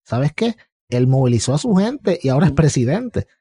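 A Puerto Rican man interviewing in an easy, chatty way, telling anecdotes and dropping English words in. His voice is warm and mellow, recorded close and dry. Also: mid-range voice, very animated, normal speed, slightly rough, no echo. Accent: Puerto Rican Spanish. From Puerto Rico. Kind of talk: casual conversation.

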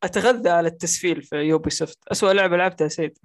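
A man's voice: high-pitched, very fast. A man, co-hosting a casual gaming podcast and prodding the others with questions. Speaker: podcast co-host.

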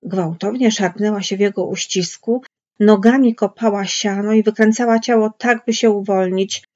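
A woman reading literary prose aloud in a measured storytelling manner, with a husky voice. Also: medium pitch, fairly even intonation, a little mellow. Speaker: audiobook reader. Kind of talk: literary narration. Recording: dull lo-fi recording.

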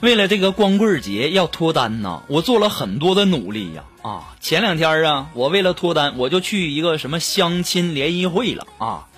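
A man's voice: on the high side, big pitch swings, moderate pace, hardly any pauses, music in the background. A man hosting a comedy show, telling self-mocking jokes in a chatty, laughing manner. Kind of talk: comic monologue with jokes.

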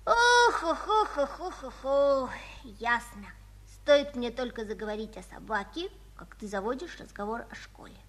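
A little boy of seven in an old 1950s radio drama. The voice is extremely high and bright, childlike and earnest, swinging expressively as he pleads. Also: expressive, unhurried, heavily acted. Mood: sighing, disappointed. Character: earnest, wistful seven-year-old boy longing for a dog. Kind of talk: 1950s Soviet radio play acting.

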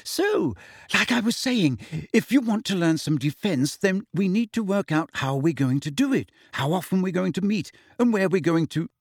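A man's voice: high voice, lively intonation, normal speed, breathy edge, no echo, studio quality, voice pushed up, heavily acted. A man voicing a nervous, earnest teenage girl who fumbles with fillers and then speaks firmly.

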